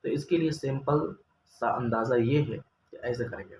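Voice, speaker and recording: A man's voice: mid-range voice, moderate pace, darkish tone. Male Quran-reading teacher, patient and methodical, stretches out example sounds, echoey room, faint hiss. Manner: patient, asks questions then answers them, drawls example sounds. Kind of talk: step-by-step recorded lesson. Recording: roomy echo, faint ambient noise.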